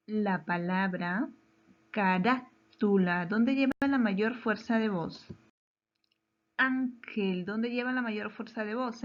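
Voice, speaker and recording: A woman teacher walks children through a grammar lesson, asking questions and then answering them herself. Her pace is very slow and careful, with deliberate pauses between phrases, and her voice sits in a middle range. The recording sounds a little dull and muffled. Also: medium pitch.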